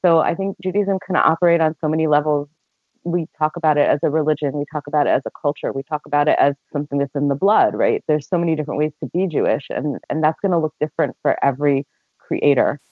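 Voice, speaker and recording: An American literary agent from the United States speaks earnestly and fast on a podcast panel, explaining her points in a low-sitting voice. The recording is dry and phone-like, with no echo.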